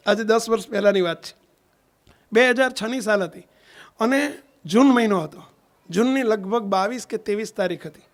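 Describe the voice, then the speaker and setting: A man's voice: high voice, vocal fry. A man, a swami giving a sermon, telling a story and keeps asking his listeners whether they understood. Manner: acts out the voices of people in his stories. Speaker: swami preacher. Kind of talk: sermon storytelling in a Gujarati satsang.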